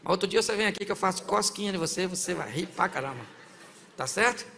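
A man's voice: sits high, lively intonation, fast talker, creaky, sharp tone, slight background noise. A man preaching a sermon as pastor, joking with the church and rising to fiery exhortation. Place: church sanctuary. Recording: long church reverb.

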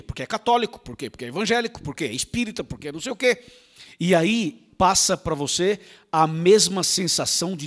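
A man preaching a sermon as pastor, lively and theatrical, acting out the quotes he tells. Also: high voice.

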